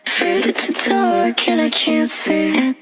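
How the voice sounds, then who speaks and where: A man singing with his voice pitched up twelve semitones into a chipmunk-like sound, with light robotic autotune. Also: slow pace. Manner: sung as high as he can, held notes. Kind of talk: singing a song vocal. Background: loud beat music.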